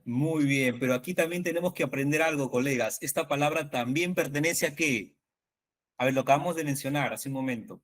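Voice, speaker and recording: A man's voice: fairly high pitch, fairly quick. Peruvian man teaching spelling over video call. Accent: Peruvian Spanish. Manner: didactic, asks questions and confirms answers. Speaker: teacher leading a spelling workshop. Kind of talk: online teacher workshop.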